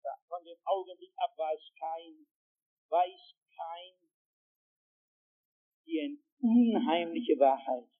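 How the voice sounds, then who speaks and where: A man's voice: fairly high pitch, lively intonation, slow, pauses often. A man preaching a sermon as dramatic storytelling, repeating phrases for effect, on a dull lo-fi recording.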